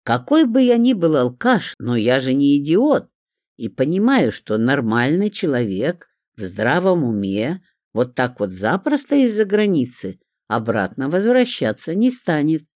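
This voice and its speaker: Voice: mid-range voice, wildly swooping pitch, a little mellow, slightly rough, no room sound, studio quality, pitched above the performer's own voice, exaggerated voice. A reader voicing a phlegmatic man, a self-confessed drinker, who lectures his neighbours. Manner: lecturing, unhurried.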